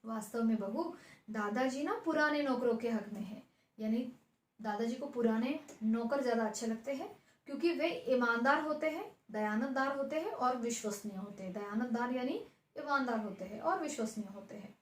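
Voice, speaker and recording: A woman teacher walks through a Hindi play line by line, explaining it patiently and mixing in English terms. Her voice sits high. The room adds a roomy echo. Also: moderate pace.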